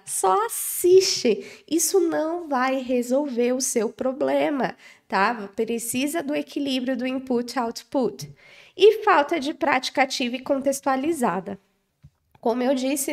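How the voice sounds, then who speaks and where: Young woman, high voice, English tutor, explains step by step, checks in often. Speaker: English teacher and mentor. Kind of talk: online lesson on study techniques.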